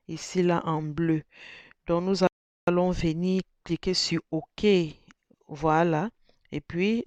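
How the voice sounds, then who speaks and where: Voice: mid-range voice, darkish tone, clean tone, no room sound. A presenter talking through a phone tutorial step by step, thinking aloud with many restarts and sounding out vowel tones.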